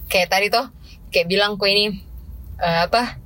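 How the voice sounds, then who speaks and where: A woman's voice: medium pitch, normal speed, a bit bright, slight background noise. A woman in casual chat, rambling with many fillers.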